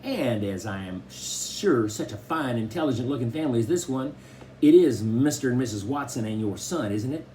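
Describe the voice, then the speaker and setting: A man's voice: medium pitch, animated, moderate pace, mellow, a little hiss or hum, lightly acted, poor audio. A man voicing a playful showman father who puts on a pompous salesman act, read for an audiobook. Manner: grand, pompous sales patter. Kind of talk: audiobook character voice.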